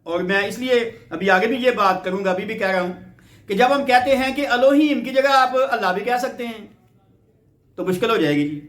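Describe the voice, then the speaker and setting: High-voiced man teaching in a roomy space. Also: expressive, a bit bright. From Pakistan. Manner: explanatory, asks the listener rhetorical check-in questions. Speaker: Bible teacher. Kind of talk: teaching lecture. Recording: roomy echo.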